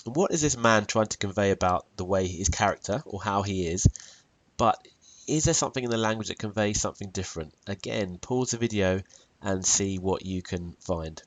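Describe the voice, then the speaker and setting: A British man teaching poetry in a tutorial video, asking questions and telling students to pause and think. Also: fairly low pitch. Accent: British English. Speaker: English teacher.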